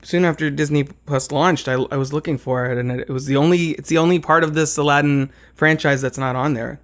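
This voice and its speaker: A man chatting on a podcast, relaxed and rambling. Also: fairly high pitch, fairly quick. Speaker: podcast co-host. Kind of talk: casual podcast chat.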